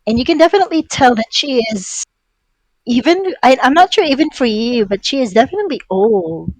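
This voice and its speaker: A woman's voice: a little high, expressive, a little fast, dry recording, poor audio. A woman narrating as game master in a tabletop game, describing scenes in a hesitant way with restarts.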